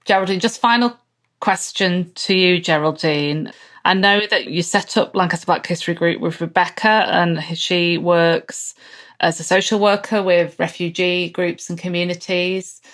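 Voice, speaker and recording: A woman's voice: lowish voice, steady tone, normal speed, fairly bright tone. A woman hosting an interview, asking thoughtful questions with frequent restarts. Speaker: sociologist host interviewing guests. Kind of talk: conversational interview.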